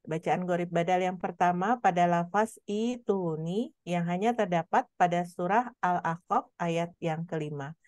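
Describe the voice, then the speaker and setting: A woman teaching a Quran recitation lesson, explaining patiently and drawing out example words slowly. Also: fairly low pitch, a little mellow, no room sound. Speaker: tajwid teacher.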